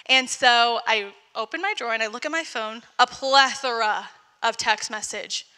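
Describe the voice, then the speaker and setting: A woman's voice: fairly high pitch, normal speed, bright, forceful tone, clean tone, in a large hall. A young woman preaching at a young adults service, telling her testimony as a story and acting out both sides of a conversation. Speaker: young adult ministry speaker. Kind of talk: testimony sermon.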